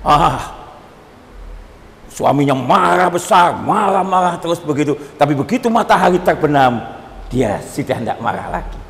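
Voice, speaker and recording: A man pastor preaching a sermon, animated and joking, often calling out to his listeners. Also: a little high, normal speed, gravelly. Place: church seminar hall. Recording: long hall reverb.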